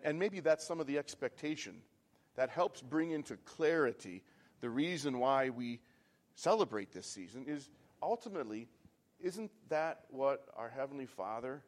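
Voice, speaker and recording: A man's voice: medium pitch, animated, a little slow, pauses often. A man preaching a sermon as pastor, with impassioned delivery that swells into strong emphasis.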